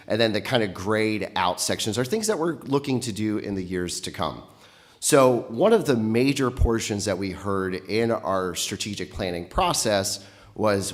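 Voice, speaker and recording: Guy recovering from a cold, bit breathless, low voice, earnest upbeat briefing w/ fillers. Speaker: county transit executive director presenting. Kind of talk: formal year-end presentation to a board. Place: public meeting room.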